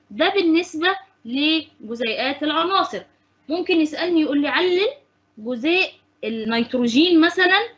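High-voiced Egyptian woman teaching science. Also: a bit bright, muffled recording. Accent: Egyptian Arabic. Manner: asks and answers her own questions, repeats points. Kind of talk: classroom lesson explanation.

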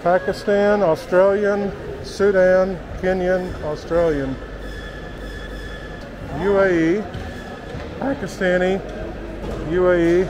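Background noise fills the indoor market hall where a travel vlogger gives a casual walking tour, exclaiming and marveling as he goes. His voice sits high, yet his delivery is flat and slow, with long pauses.

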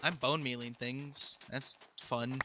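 A man's voice: mid-range voice, steady tone, slow, bright, forceful tone, slight background noise. A man co-hosting a casual co-op game session, teasing his partner and giggling while he crafts. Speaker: co-host gamer. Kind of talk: casual co-op gameplay chat.

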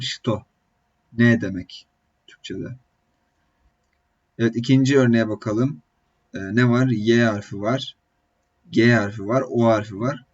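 A man with a low, slightly husky voice teaches a lesson, patiently working through examples and pausing on hesitation sounds. The recording is dull and lo-fi, with the top end rolled off. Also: darkish tone. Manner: patient, explains step by step with many "e" fillers. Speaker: language teacher. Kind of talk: online language lesson.

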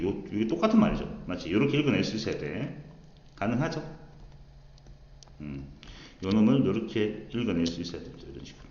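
A lower-voiced man teaches math in a roomy, slightly muffled classroom recording. His pitch rises and falls a lot as he walks through each step. He keeps stopping to check that students follow. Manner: explains step by step with frequent checking questions. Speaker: math tutor. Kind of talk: whiteboard math lesson.

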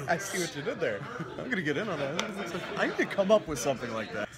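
A young man trades sarcastic, playful banter in a locker room, caught on a phone held at arm's length. His voice runs fairly high and swings widely in pitch. Loud crowd noise sits behind him. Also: huge pitch swings, normal speed. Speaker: fellow wrestler. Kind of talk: joking banter. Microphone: phone camera at arm's length.

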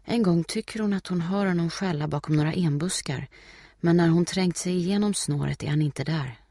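A man reading a novel aloud as an audiobook narrator, in a steady, measured way. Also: a little high, no echo, studio quality.

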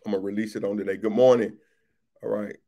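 A man's voice: on the low side, little pitch movement, quick pace, vocal fry, dark tone. A man who is a pastor, hosting a casual livestream chat, reading out viewer comments and greeting people by name, often repeating his phrases.

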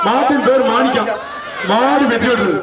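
Man, event announcer, through a loudspeaker, distant, repeating calls. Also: extremely high pitch, moderate pace. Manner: loud, repeating urgent calls and praise. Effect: through a public address loudspeaker. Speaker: bull-taming event announcer. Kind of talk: live event commentary. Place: outdoor bull-taming arena. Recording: echoing loudspeaker from far off, loud crowd.

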